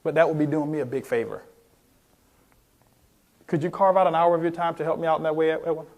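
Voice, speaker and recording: At a motivational sales seminar, a male trainer speaks at a quick pace in a slightly mellow voice that is on the high side, with fairly even intonation. He is emphatic, often asks his listeners questions directly, and role-plays phone calls.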